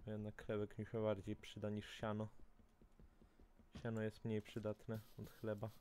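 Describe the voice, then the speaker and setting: A man with a low, mellow voice gives casual let's-play commentary into a desk microphone. He chats away to his viewers and often stops to correct himself. Faint keyboard clicks sit in the background. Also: completely flat delivery, unhurried, slight background noise. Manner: chatty, talks to viewers, frequent self-corrections. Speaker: gaming channel host.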